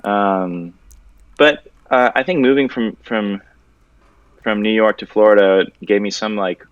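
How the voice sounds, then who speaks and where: A low-voiced young man from Venezuela chats loosely as a guest artist, joking and swearing now and then. The audio is dull and dry, with no room around it. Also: unhurried, no room sound. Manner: laid-back, loose and joking, with casual swearing. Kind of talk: casual interview chat.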